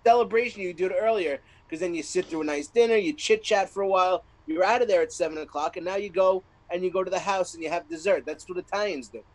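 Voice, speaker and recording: A man's voice: sits high, quick pace, hardly any pauses, low-quality recording. A man co-hosting a casual comedy podcast, telling rambling family stories and laughing often. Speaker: co-host. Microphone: remote call.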